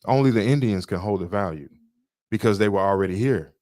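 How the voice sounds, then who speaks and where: With a mellow, lowish voice and a slightly quick delivery, this man is recorded in a clean studio with no room sound. He co-hosts a podcast, talking politics casually while lecturing with emphasis and repeating what he's said.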